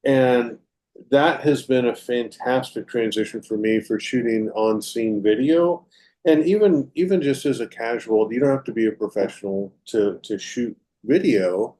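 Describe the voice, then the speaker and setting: A man's voice: medium pitch, a little slow, dark tone. A man co-hosting a podcast, chatting in an easygoing, agreeable way and often affirming his partner. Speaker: podcast co-host. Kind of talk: casual podcast chat.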